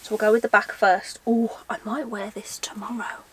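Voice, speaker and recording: Surrounded by shelves of backpacks indoors, a young woman vlogger chats casually through a haul video, asking herself questions out loud and laughing at how forgetful she is. Her mid-range voice barely moves in pitch, has a breathy edge, and keeps a moderate pace.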